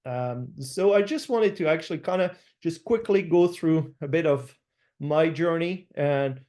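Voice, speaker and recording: A middle-aged man with a French accent, a farmer giving an online slide presentation over a video call, speaking haltingly with many fillers and restarts. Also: on the high side, a little mellow. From France. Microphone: video call webcam.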